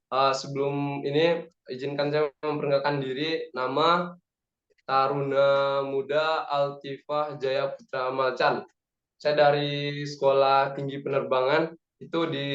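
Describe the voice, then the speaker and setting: A man's voice: mid-range voice, measured pace, roomy sound, muffled recording. A man in his twenties from Padang, Indonesia, giving a casual, chatty talk as a guest speaker in an online meeting and rallying his listeners. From Padang, West Sumatra, Indonesia. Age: 20s. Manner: relaxed, chatty, rallying the audience. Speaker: guest speaker, aviation cadet.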